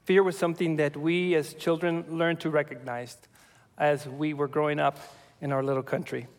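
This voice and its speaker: Man, forties, from El Salvador, church testimony, reflective, measured, many fillers, fairly high pitch, long hall reverb. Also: level tone. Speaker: church speaker sharing testimony. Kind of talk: personal testimony to a congregation.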